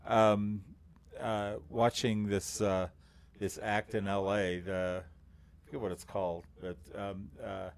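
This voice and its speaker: A man's voice: fairly low pitch, flat delivery, creaky. A man co-hosting a casual chat podcast, telling a story with many fillers and frequent laughter. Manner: laughs often, halting with fillers. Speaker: podcast co-host.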